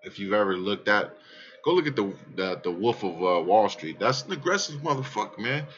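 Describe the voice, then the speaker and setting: A man casually talking through his trading charts in a brash, profane, excitable way, often trailing off mid-sentence and restarting. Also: lowish voice, fairly quick, lo-fi sound. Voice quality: calls his own voice aggressive. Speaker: crypto trading vlogger. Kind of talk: casual rambling chart commentary.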